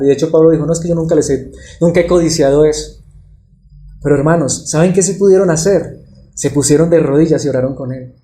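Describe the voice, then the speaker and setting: A man preaching an expository sermon to his congregation, earnest and personal, often pausing with rhetorical questions. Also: fairly high pitch, warm tone, echoey room. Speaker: pastor. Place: church.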